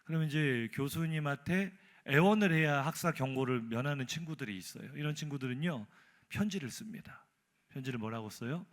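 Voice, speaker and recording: A Korean male pastor preaching a Sunday sermon, telling a humorous story and acting out the dialogue with sudden loud and soft turns. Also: medium pitch, lively intonation, a little fast. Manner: storytelling with acted dialogue and dramatic swings in volume. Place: church sanctuary.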